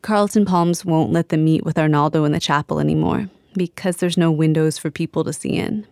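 Low-voiced woman reporter narrating. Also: steady tone, brisk, vocal fry, darkish tone, no room sound, clean studio sound. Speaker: podcast host and reporter. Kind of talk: documentary narration and phone interview.

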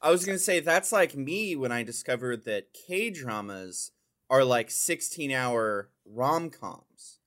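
A man's voice: mid-range voice, animated, slow, a bit bright. A man in a casual group chat, wry and blunt with teasing remarks.

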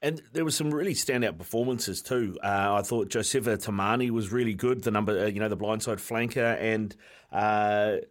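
A man's voice: on the low side, moderate pace. A man co-hosting casual sports banter in a colloquial, joking, matey manner.

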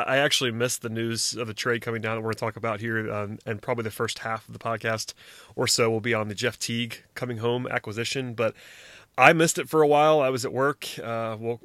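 A man hosts a casual sports talk podcast at a middling pitch. He talks conversationally, often restarting his thoughts, in a close, dry recording. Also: a bit bright, no room sound.

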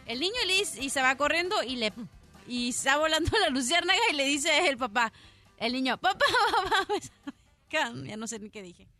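A woman's voice: high voice, expressive, a little fast, pushed and bright, soft background music. A woman from Mexicali, a radio co-host who giggles and loses her thread while telling jokes. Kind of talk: joking radio banter.

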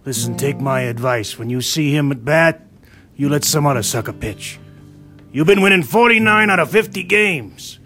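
A man's voice: fairly high pitch, lively intonation, normal speed, bright, forceful tone, soft background music. An actor playing a blunt, persuasive male team manager in a radio drama. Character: male team manager, pushy and cautious promoter.

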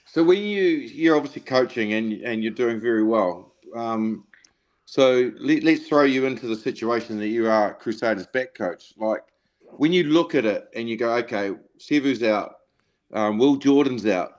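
A man's voice: mid-range voice, normal speed, highs cut off. A man asking long, casual questions as a panellist on a rugby show. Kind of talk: casual sports interview.

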